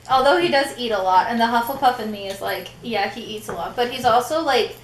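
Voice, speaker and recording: High-voiced giggly woman panelist. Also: brisk, echoey room, a little hiss or hum. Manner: enthusiastic, giggly, counting down votes. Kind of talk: casual chat.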